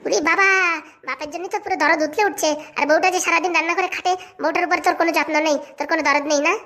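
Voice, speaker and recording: Shrill, nagging cartoon wife, voiced by a woman. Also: steady tone, very fast, a bit bright. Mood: scolding. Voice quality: shrill, scolding. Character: sharp-tongued nagging young wife. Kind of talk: cartoon voice acting.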